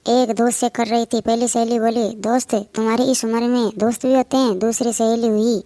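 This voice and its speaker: A woman reading a string of short jokes aloud, speaking each quoted line in the same even voice. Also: fairly high pitch, brisk, a little hiss or hum.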